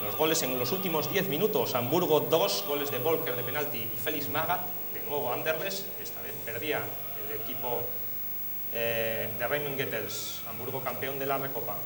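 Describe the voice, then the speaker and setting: Speaking at a moderate pace over music, this mid-range male voice belongs to a Spain-accented host of a football retrospective. He talks casually through results and match action, and an electrical hum runs through the noisy recording.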